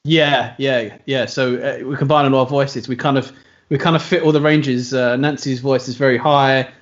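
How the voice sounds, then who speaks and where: A man's voice: medium pitch, fairly even intonation, normal speed, muffled recording. A man, a band member chatting loosely in an interview, often restarting his sentences. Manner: rambling, self-correcting. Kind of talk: casual video call interview.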